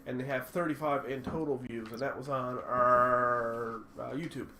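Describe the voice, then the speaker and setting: A man's voice: medium pitch, steady tone, moderate pace, sharp tone. A man chats casually while co-hosting a game stream, wandering through his points with plenty of filler words. He talks into a desktop condenser mic, and a faint computer fan hum sits under his voice. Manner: chatty, rambling with filler words. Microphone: desktop USB condenser mic.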